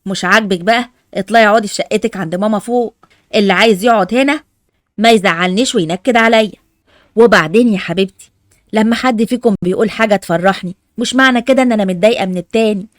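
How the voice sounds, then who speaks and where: A woman's voice: mid-range voice, dry recording, studio quality, natural voice. A woman with an Egyptian accent voicing a caring but scolding old grandmother in a Roblox family drama, lecturing the children. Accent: Egyptian Arabic. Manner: fast, lecturing.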